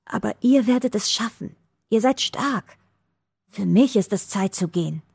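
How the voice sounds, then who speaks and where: A woman voicing a frail, feverish old woman who is dying and speaks slowly, weakly and tenderly. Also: medium pitch, expressive, gravelly, a little mellow, husky, no echo, clean studio sound, voice pushed up, full character voice. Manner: slow, weak and tender. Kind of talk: audiobook dialogue.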